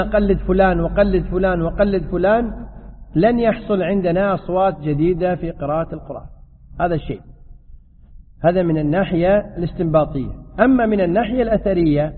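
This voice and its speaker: Quick high-voiced sheikh in a hall. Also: male voice. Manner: quick, explanatory, answers questions. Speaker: sheikh teaching fiqh. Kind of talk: religious lesson with questions. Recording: tinny, echoey hall sound.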